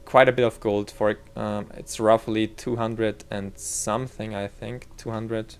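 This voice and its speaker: A man's voice: on the low side, level tone, measured pace, clear, resonant tone. A man from Austria with an Austrian German accent gives a casual game tutorial, rambling a little and correcting himself as he works out the numbers.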